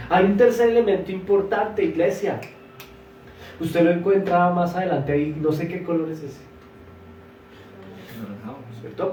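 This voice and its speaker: A pastor preaching a sermon, swinging between loud emphatic exclamations and soft asides, and stretching words slowly for emphasis. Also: male voice, on the high side, distant mic, slight background noise. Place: church hall. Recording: echoey church, voice from afar.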